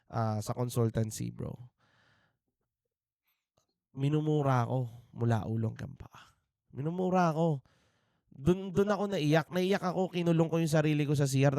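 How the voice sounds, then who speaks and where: A man's voice: mid-range voice, creaky, warm tone, clear, resonant tone, no room sound, studio quality. A Filipino man in his thirties, co-hosting a podcast and sharing a candid faith testimony in an earnest, reflective way. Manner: earnest, reflective, with frequent restarts and fillers. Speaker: podcast co-host. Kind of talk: candid faith testimony, mixing Tagalog and English. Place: indoor podcast studio.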